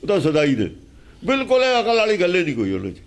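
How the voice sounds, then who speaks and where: A man's voice: sits high, wildly swooping pitch, fast talker. Emphatic man explaining scripture. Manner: emphatic and argumentative, with pointed rhetorical questions. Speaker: scripture teacher.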